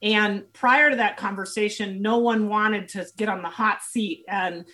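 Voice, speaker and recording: A woman's voice: medium pitch, steady tone, unhurried, bright, forceful tone. A woman consultant answering interview questions in an earnest, thinking-aloud way, full of fillers and restarts, while she is losing her voice. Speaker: leadership and team consultant, guest.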